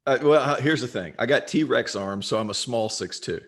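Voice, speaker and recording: A man's voice: medium pitch, moderate pace. A young man and former college player talking casually in an interview, chatty and self-deprecating, with frequent restarts. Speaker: podcast host and former college basketball player.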